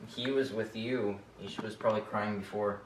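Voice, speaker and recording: A man's voice: lowish voice, fairly even intonation, normal speed, slight background noise, close to an everyday voice. A man playing a mopey young guy mourning a friend, bantering and joking indoors. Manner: joking, giggly, rambling banter. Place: indoor room. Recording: echoey room, camera far off.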